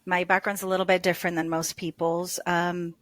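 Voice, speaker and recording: A woman's voice: on the low side, flat delivery, brisk, a bit bright, no room sound. A woman from Argentina, telling her story as a podcast guest in a chatty way, with frequent ums and restarts. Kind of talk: casual interview storytelling.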